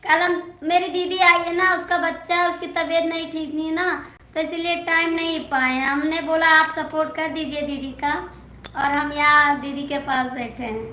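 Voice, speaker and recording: A woman's voice: sits high, steady tone, moderate pace, sharp tone. A woman folk singer chatting casually on a phone live stream at home, thanking viewers and telling off a child. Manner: chatty, thanks viewers and reads comments aloud; scolds a child at home between comments. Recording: echoey room with faint ambience.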